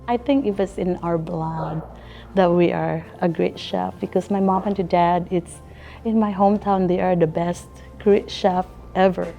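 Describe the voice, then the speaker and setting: Middle-aged woman, Filipino accent, mellow voice, earnest and quick to laugh; soft music bed. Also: lowish voice, fairly even intonation, gravelly. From Philippines. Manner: earnest, laughs often, nonstandard English grammar. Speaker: restaurant owner and chef. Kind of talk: casual interview talk.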